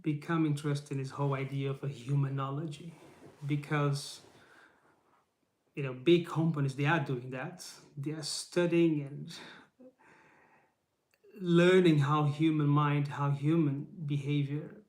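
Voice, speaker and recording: Unhurried and steady, with long pauses, this man's slightly high, a little mellow voice fills a roomy space captured by a camera mic. He hosts a YouTube channel and speaks English to camera, his first language Portuguese. His casual live motivational talk is earnest and encouraging, with rhetorical questions and frequent "right?".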